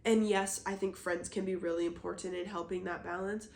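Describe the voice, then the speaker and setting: A young woman hosting a solo podcast, musing casually in a hoarse, husky voice, with lots of "like" fillers. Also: fairly low pitch, steady tone, a little fast, a little mellow. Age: young adult. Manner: reflective, rambling, many "like" fillers. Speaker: podcast host. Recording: roomy echo.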